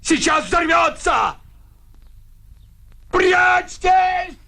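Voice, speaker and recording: A jittery, shouting villager. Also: male voice, very high voice, animated, normal speed, heavily acted. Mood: panicked. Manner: panicky, shouting warnings. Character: jittery villager man afraid of explosion. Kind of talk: comedy film acting.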